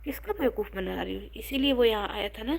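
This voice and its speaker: A woman's voice: mid-range voice, vocal fry. A woman voicing an angry, stern father in an audio novel. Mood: furious. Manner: angry and harsh.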